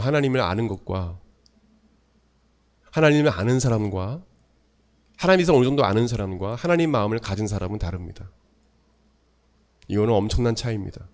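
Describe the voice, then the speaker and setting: A male pastor preaching a sermon in a church, emphatic, with his pace slowing and speeding for effect. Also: medium pitch, a little mellow.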